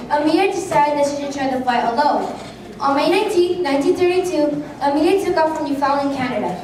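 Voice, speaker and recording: High-voiced woman narrating in an echoey hall. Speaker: narrator of a student history play. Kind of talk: scripted narration, read aloud. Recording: very echoey hall, distant mic, faint noise.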